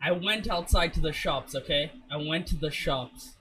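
A man's voice: on the high side, moderate pace, sharp tone, a little hiss or hum, rough recording. A man hosting a casual comedy podcast in a campy, theatrical, self-mocking way, swearing freely. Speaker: podcast host.

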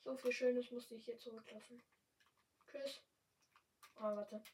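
A young woman speaking standard German, chatting casually and excitably while commentating her gameplay. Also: fairly high pitch, unhurried, recorded from a distance, a little hiss or hum, low-quality recording. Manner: chatty, excitable, yelps and exclaims often. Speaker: gamer streamer.

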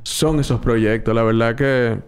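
A man's voice: mid-range voice, steady tone, measured pace, clear, resonant tone. Dominican man chatting colloquially on a podcast. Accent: Caribbean Spanish, Dominican. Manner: colloquial, reflective. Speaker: podcast co-host. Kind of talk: casual chat and anecdote.

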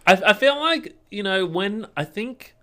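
One co-host on the podcast has a high, sharp, animated voice and speaks at a measured pace. He chats casually, leans on plenty of fillers, and tends to end his lines with "right?".

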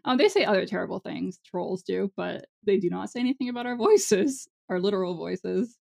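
A woman podcast co-host with heavy, gravelly vocal fry at a middle pitch. She chats informally, doubling back and interrupting herself as she thinks aloud. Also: a little fast, warm tone. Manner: informal, hedging, self-interrupting. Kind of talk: casual podcast chat.

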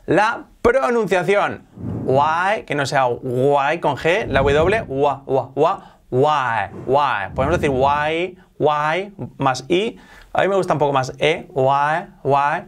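Lively Spanish-accented male teacher. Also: fairly high pitch. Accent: Spain Spanish. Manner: lively, repeats words slowly to model pronunciation. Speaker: English teacher and channel host. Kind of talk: bilingual English lesson.

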